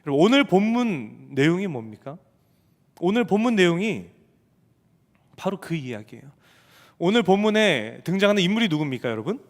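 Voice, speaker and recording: A male pastor preaching to young adults in a church, with a high voice that rises and falls expressively. He tells his stories with animation and keeps asking the listeners questions, and a long hall reverb trails behind each phrase. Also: moderate pace, long pauses. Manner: animated storytelling, asks the congregation questions. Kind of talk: sermon with a personal story. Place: church sanctuary.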